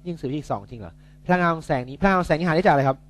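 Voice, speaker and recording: A man's voice: a little high, expressive, racing. A young man tutoring physics in a casual, chatty way, joking and correcting himself as he works through problems.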